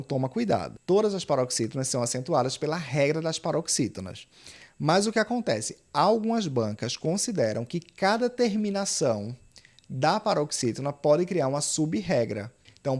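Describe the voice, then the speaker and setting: A man's voice: a little high, darkish tone. A man with a Brazilian Portuguese accent teaching an online grammar lesson for exam prep. He explains step by step, often checks in with the listener, and pushes key warnings with urgency. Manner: stresses key points with emphatic, urgent appeals.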